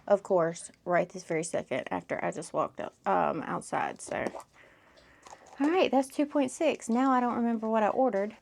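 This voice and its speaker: A woman's voice: medium pitch, a little hiss or hum. A woman crochet vlogger chatting casually about her studio work, rambling a little and swearing now and then. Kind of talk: casual studio vlog chat. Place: home craft studio.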